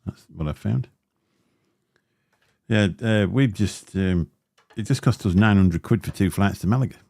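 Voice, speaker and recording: This livestream host talks a little slowly in a deep, gravelly, slightly mellow voice, rambling through filler-heavy asides as he unboxes gear. He's on a close dynamic studio mic, with no room sound.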